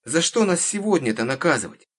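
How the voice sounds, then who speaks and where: A man's voice: a little high, big pitch swings, fairly quick, husky, voice pushed up. Man doing a plucky little girl. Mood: pleading. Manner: pleading, persistent. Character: bold, lively little girl.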